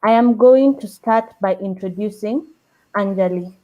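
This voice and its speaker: A woman moderating a webinar panel on a video call, polite and steady. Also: medium pitch, unhurried, narrow, tinny audio.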